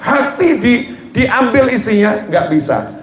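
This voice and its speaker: Preacher in an echoey room. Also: male voice, extremely high pitch, measured pace. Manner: lively storytelling, often cutting and repeating words. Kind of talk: sermon.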